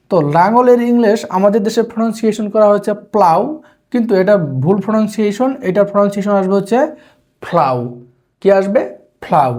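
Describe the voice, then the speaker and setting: A woman from Bangladesh teaching English pronunciation, slowly repeating each word as a drill. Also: medium pitch, mellow. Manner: slow drilled repetition of English words. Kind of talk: spoken English lesson.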